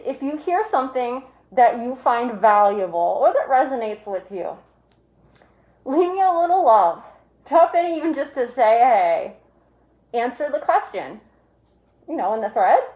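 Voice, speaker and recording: Speaking through a mask and face shield, a woman with a fairly high voice hosts a casual livestream chat. She rambles in a friendly way and tosses in jokey asides. Her tone is a little mellow, and the high frequencies are cut off.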